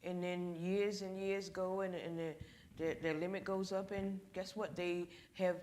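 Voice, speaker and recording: Woman, church money class, lively storytelling. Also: lowish voice, unhurried, a little hiss or hum. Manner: animated storyteller, acts out voices. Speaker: ministry financial class leader. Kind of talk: church group discussion.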